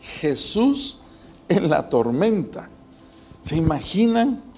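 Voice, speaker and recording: A man's voice: high voice, big pitch swings, slow pace, a little mellow. A man preaching a sermon as pastor, building emphasis with rhetorical questions.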